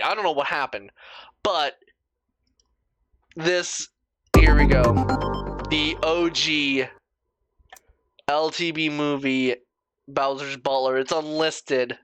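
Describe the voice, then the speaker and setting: A man's voice: on the high side, slow pace, pauses often, a bit bright, dry recording, soft background music. A young man doing casual reaction commentary as a YouTuber, swearing freely and laughing at himself.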